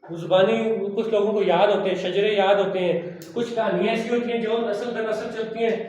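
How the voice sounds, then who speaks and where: A man's voice: high voice, fairly even intonation, fairly quick, a little mellow. A man teaching a class and often checking with the students whether they follow, speaking. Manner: asks the class "सही है?" again and again. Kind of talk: classroom lecture. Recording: echoey classroom from far off, faint noise.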